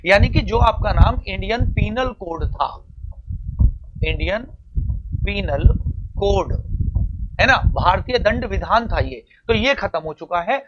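A man's voice: high voice, animated, normal speed, few pauses, fairly bright tone, muffled recording, slight background noise. A man teaching law to exam students, talking to them directly and calling them "beta" and "champion". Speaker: coaching teacher. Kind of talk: explaining law for exam prep.

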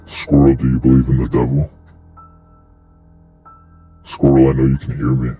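A man using a voice changer pitched very deep, calling as a menacing devil with slow, insistent threats. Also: flat delivery, muffled recording, music in the background. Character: menacing devil offering a soul deal. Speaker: prank caller. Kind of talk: prank call over game voice chat.

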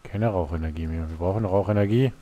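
A man doing casual, low-key let's play commentary, thinking aloud as he plays. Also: fast talker, dark tone. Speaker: let's player. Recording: faint game noise behind.

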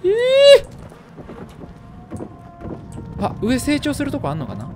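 A man's voice: very high-pitched, wildly swooping pitch, quick pace, music in the background. A man with a Kansai accent commenting on a horror game he plays, letting out startled yelps and joking curses. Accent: Kansai Japanese. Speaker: gamer.

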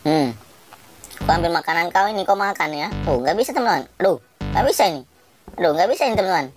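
A woman giving chatty, excitable gameplay commentary, talking to her viewers and to the game characters and laughing often. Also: quick pace, soft background music. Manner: laughs often, swings between squeals and low mutters. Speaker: gaming channel host.

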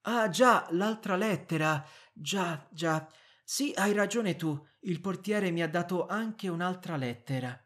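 A flustered husband, played by a man in an audiobook, a little higher and louder than plain speech. He hedges and stammers, trying to calm things down. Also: slow. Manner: hesitant, placating, stammering. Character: flustered, evasive middle-aged husband. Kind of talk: audiobook character reading.

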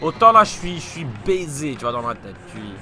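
A young man, still a little ill, commenting on his gameplay with frequent swearing and frustrated shouts. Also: a little high, sing-song, a little fast, slight background noise. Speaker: let's play gamer. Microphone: desk mic. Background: game music.

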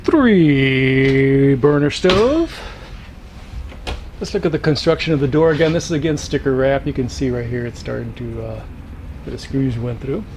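A man's voice: normal speed, a little mellow, poor audio. A man giving a casual walking tour of RV trailers on a dealer lot, talking offhand with lots of "uh"s. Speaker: RV vlogger. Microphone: handheld or body camera. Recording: outdoor camera audio with traffic noise. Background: highway traffic noise.

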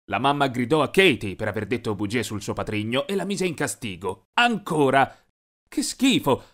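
A man narrating an animated teen story in a lively, mischievous storytelling voice. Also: a little high.

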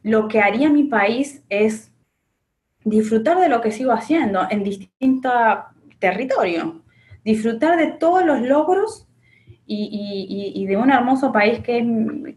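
A woman's voice: a little high, lively intonation, unhurried, darkish tone. A woman from Argentina in her forties with an Argentine Spanish accent, a business owner answering interview questions earnestly, with many fillers and restarts, recorded on a webcam in a small office. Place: small indoor office with a framed picture.

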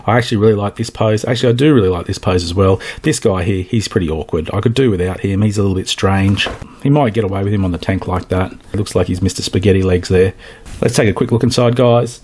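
A man with a low, slightly husky voice talks eagerly and casually. He keeps calling his viewers guys as he gushes over a hobby kit. The delivery is loose, chatty and unscripted. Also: darkish tone. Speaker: scale model kit reviewer. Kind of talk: casual enthusiastic product review.

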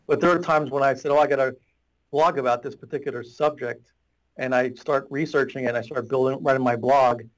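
Speaking a little fast with a steady, medium-pitched voice, this guest on a video call explains things at length, circling back and restarting many times while gesturing heavily. He's a middle-aged data warehouse architect in a small whiteboard-equipped office, heard in low quality through a webcam in a casual interview.

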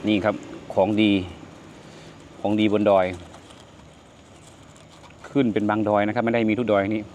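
Tasting and exclaiming over his food, an older man chats casually through his cooking vlog in a lowish, level voice that is a little slow and a little mellow. The recording is muffled, with slight background noise.

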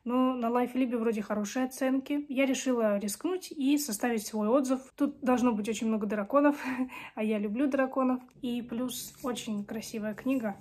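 Sitting in a small home room with bookshelves, a twenty-something book vlogger speaks at normal speed in a slightly high, slightly mellow voice. A cold and sore throat leave her sounding strained as she chats to camera about books.

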